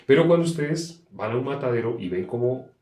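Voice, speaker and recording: A man preaching a sermon, emphatic, asking questions and answering them himself, swinging between loud and soft. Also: medium pitch, animated, brisk, echoey room.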